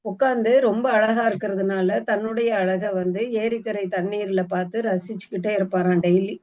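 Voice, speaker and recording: A woman's voice: medium pitch, steady tone, normal speed, a little mellow. A woman retelling the story of a book in a casual, hesitant way, with frequent fillers and restarts, as if presenting it to a class. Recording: dull lo-fi recording.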